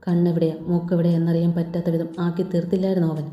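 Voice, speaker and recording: A woman voicing a quick-tongued, anxious young pregnant wife who scolds and teases her husband. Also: fairly low pitch, little pitch movement, dark tone, lightly acted. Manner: scolding, teasing questions. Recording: echoey lo-fi room with faint music.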